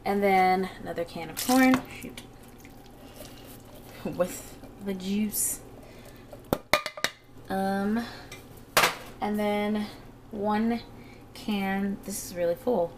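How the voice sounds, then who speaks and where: A woman with a medium-pitched voice talks casually through a home vlog. Her delivery is slangy and playful, picked up on a handheld camera with clear noise behind it. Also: very slow, long pauses. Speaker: home vlogger. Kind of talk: casual vlog chat with narrated cooking.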